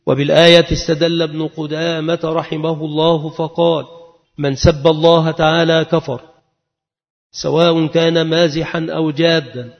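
A man's voice: a little high, flat delivery, moderate pace. A man giving a religious lesson, chanting verses melodically and reading scholars' definitions in a plain teaching voice. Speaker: Islamic lecturer. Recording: dull lo-fi sound with long reverb.

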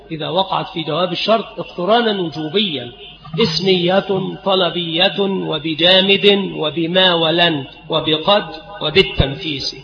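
Man, grammar teacher, slow deliberate dictation, echoey room, dull lo-fi sound. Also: fairly high pitch. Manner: slow, deliberate dictation, repeating each phrase. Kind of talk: Arabic grammar lesson.

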